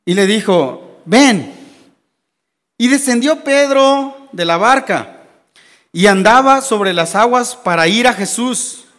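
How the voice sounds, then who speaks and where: A man with a Mexican Spanish accent teaching a Bible class, reading scripture slowly and then explaining it with questions to the congregation, in a church hall. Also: very high-pitched, animated, fairly bright tone. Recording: long reverb of a church hall.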